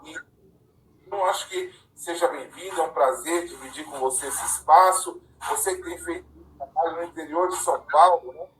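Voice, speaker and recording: A man from Paraná hosts a casual live-stream chat, his slightly high voice sitting back from the mic in an echoey room. He talks conversationally and keeps checking in with the listener through tag questions. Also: moderate pace, fairly bright tone, distant mic, a little hiss or hum. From Paraná, Brazil. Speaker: live-stream host and councilors' association president.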